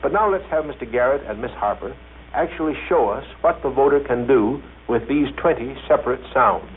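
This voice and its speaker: A man's voice: medium pitch, fairly quick, a little hiss or hum. A man presenting a scripted radio broadcast, asking formal, polite questions. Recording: tinny 1939 radio broadcast recording.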